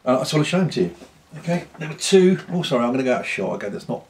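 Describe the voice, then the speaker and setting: A British man in a casual, unscripted vlog chat, talking in an unhurried, rambling way with pauses. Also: medium pitch, animated, slight background noise. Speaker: pipe-smoking vlogger.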